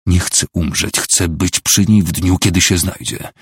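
A man's voice: deep voice, fairly even intonation, unhurried, slightly rough, no room sound. A man reading the part of a broken, grieving father living on the streets, bitter and stubborn.

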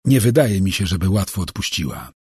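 A man's voice: low-pitched, big pitch swings, fairly quick, creaky, dark tone, breathy edge, no room sound, clean studio sound, exaggerated voice. A man voicing a nervous, crude getaway driver who grumbles and talks coarsely. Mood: uneasy.

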